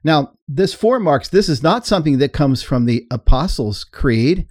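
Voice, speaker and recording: A middle-aged man co-hosts a talk show as a co-host and teacher, earnestly explaining things in an explanatory discussion and laughing easily. His voice is a little high, very animated and darkish in tone, at normal speed, captured in a dry, studio-quality recording.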